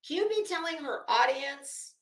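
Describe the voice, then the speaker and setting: Unhurried and expressive, this woman's high voice carries a document reading broken up by her own sardonic, incredulous asides and offhand cursing. She hosts a commentary show, and the audio sounds roomy with echo.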